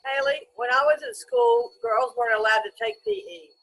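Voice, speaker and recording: A woman's voice: sits high, wildly swooping pitch, normal speed, a bit bright, poor audio. An older woman chatting casually as a participant in an exercise class. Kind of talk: casual chat.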